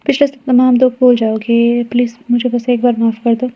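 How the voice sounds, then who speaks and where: A woman's voice: a little high, monotone, natural voice. A woman voicing a remorseful young husband who pleads through tears for his wife's forgiveness, in an audio novel. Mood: pleading. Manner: tearful, pleading. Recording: dull lo-fi recording.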